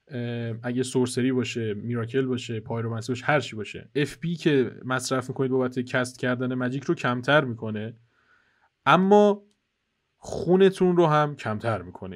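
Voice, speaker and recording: A young man with a headset mic talks over a co-op game in a joking, chatty way. He teases his teammate and gives viewers tips as he plays, his voice sitting in an ordinary middle pitch for a man. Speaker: gaming channel host. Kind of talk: casual co-op gameplay commentary.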